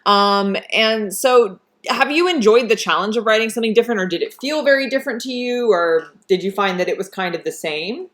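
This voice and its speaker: An American woman hosts a relaxed conversation with an author. Her voice sits at an ordinary middle pitch. She talks in a chatty, storytelling way and fills her pauses with lots of "um"s. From United States. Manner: chatty, many fillers, tells stories. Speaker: host interviewing an author. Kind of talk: casual video chat.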